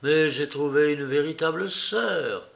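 Male reader as a gentle, earnest young man, calm and firm, slow storybook pace. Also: on the high side, gravelly.

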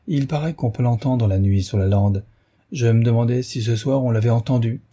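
A man's voice: medium pitch, normal speed, warm tone, husky, close to an everyday voice. A man reading an audiobook aloud, voicing a wary male naturalist who asks probing, overly polite questions. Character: smooth, wary male naturalist hiding alarm.

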